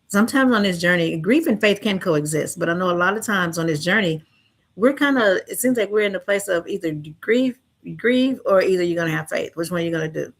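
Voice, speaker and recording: A woman speaking gently and earnestly in a heartfelt livestream talk, reassuring listeners like a counselor. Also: lowish voice, lively intonation, fairly quick. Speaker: grief counselor and livestream host.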